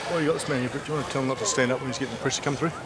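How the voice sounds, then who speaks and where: A man's voice: medium pitch, racing. A man, a rugby player, making brief remarks and calls out on the field. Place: outdoor rugby ground. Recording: outdoor field, loud crowd noise.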